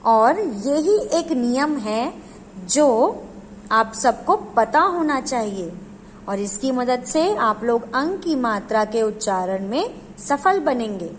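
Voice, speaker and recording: A woman with a high voice teaches at a slow, deliberate pace. She explains each step patiently and poses questions to her listeners before answering them. Her voice carries a long room reverb. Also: lively intonation, a little hiss or hum. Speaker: Hindi teacher.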